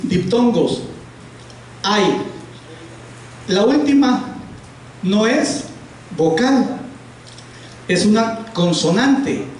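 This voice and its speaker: A man's voice: high-pitched, darkish tone. A man teaching a classroom grammar lesson, patiently asking the class questions and repeating their answers. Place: classroom in a house of prayer. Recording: very echoey room, voice from a distance, faint hiss.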